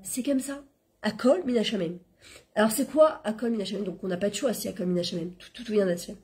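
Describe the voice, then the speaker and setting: A middle-aged woman giving an informal religious lesson, talking in a lively, conversational way and dropping Hebrew terms into her French. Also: medium pitch, fast talker. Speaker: Torah class teacher and coach.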